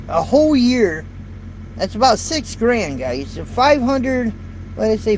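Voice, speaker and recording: Parked in his truck cab, a man in his fifties who drives trucks talks loosely to viewers in a live chat, folksy and meandering, often repeating himself. He has a high, light voice with a darkish tone. A built-in phone or camera mic makes for a rough recording, and faint traffic and road sounds come through.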